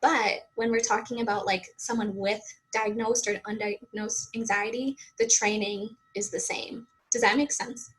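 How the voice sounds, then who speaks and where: A fitness coach with a Boston-area accent talks openly and casually as an interview guest, with plenty of fillers. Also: female voice, fairly high pitch, steady tone, moderate pace, few pauses, fairly bright tone, husky, rough recording. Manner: open, chatty, many fillers.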